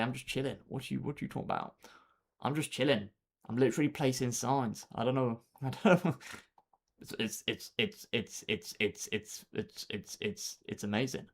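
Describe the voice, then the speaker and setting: A man's voice: mid-range voice, gravelly. Laid-back young man streaming. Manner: laid-back, chatty, laughs often, trails off with fillers. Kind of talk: casual live-stream chat while gaming. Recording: faint keyboard clicks behind.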